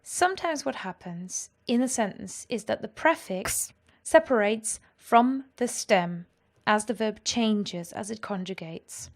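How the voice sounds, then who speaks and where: A woman teaching a language lesson, explaining clearly and with enthusiasm and carefully pronouncing German example sentences. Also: mid-range voice, lively intonation, unhurried, few pauses.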